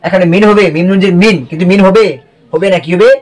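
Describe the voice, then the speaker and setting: A man's voice: sits high, steady tone, fast talker. A man teaching Quran recitation in an online class, spelling out letters and asking questions that he then answers himself. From Bangladesh.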